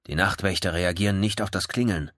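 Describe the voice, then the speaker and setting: A man's voice: sits low, fairly even intonation, fairly quick, a bit bright, dry recording, clean studio sound. A man voicing a curt, persistent police chief inspector in a read-aloud story. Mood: firm. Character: insistent, blunt male police chief inspector.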